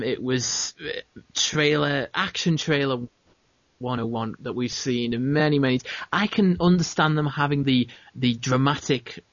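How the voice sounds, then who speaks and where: A man's voice: on the high side, no echo, muffled recording. A man hosting a podcast, chatting casually about films with strong opinions and many fillers. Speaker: podcast host. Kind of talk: casual film chat.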